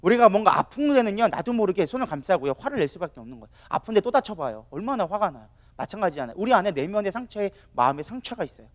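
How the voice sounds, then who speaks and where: A male pastor delivers a sermon with a high, quick voice. He talks animatedly, acting out quoted prayers and animal sounds, and laughs at his own jokes. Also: very animated.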